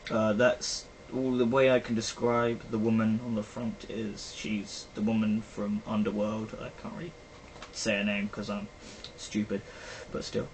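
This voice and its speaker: A man's voice: on the low side, flat delivery, measured pace. Rambling young British guy. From Britain. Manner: rambling, chatty, trailing off with fillers. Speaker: vlogger. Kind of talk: casual film review chat. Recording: faint background noise, poor-quality recording.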